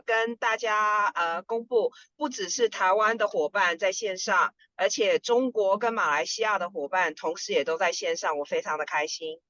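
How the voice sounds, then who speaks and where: A woman's voice: medium pitch, normal speed, hardly any pauses, sharp tone, a little hiss or hum. A woman working as a volunteer interpreter on an online call, translating piece by piece over lo-fi audio. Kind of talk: consecutive interpreting.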